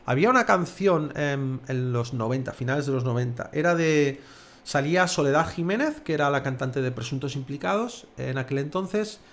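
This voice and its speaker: A man's voice: mid-range voice, expressive. Chatty Spanish man teaching songwriting. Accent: Spanish, from Valencia. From Spain. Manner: chatty, demonstrative, sings and speaks lyrics slowly in rhythm. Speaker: music theory teacher. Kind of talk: casual video lesson.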